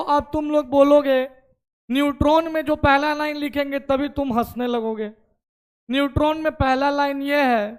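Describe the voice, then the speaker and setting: A man teaching chemistry to a classroom of students. He explains step by step and keeps asking the class questions. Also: extremely high pitch.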